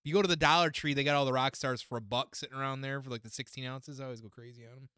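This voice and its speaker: A man's voice: medium pitch, steady tone, racing, sharp tone, clean tone, no echo, studio quality. A man co-hosting a podcast in casual chat, crude and enthusiastic, often stumbling on his words. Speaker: podcast co-host.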